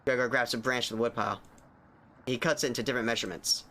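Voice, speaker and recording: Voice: medium pitch, fairly even intonation, fast, fairly bright tone, pitched below the performer's own voice, natural voice. A streamer voicing the somber narrator of a horror game, reading scripted text aloud. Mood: somber, steady.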